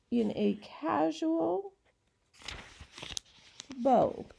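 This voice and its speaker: A woman narrating a children's storybook in a gentle, unhurried reading style. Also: a little high, gravelly. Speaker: audiobook reader.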